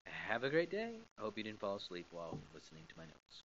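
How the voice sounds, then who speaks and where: A male math teacher recording his lecture notes, animated and repeating phrases for emphasis while tired and yawning. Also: on the low side, quick pace, slight background noise. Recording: dull lo-fi classroom recording.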